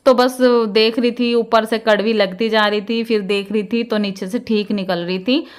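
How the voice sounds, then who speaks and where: Chatty home vlogger woman, slightly high voice. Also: steady tone, normal speed, clean tone. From India. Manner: chatty, talks straight to viewers with filler "ना". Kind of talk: casual chatty home vlog.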